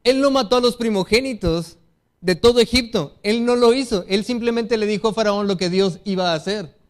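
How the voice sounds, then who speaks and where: A man with a Mexican Spanish accent delivers a sermon in a high voice, earnest and direct with his congregation. He often slips into short acted-out exchanges and quoted excuses to make his point. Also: fairly quick. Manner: earnest, appeals to the congregation as brothers; acts out excuses and dialogue in quotes. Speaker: preacher.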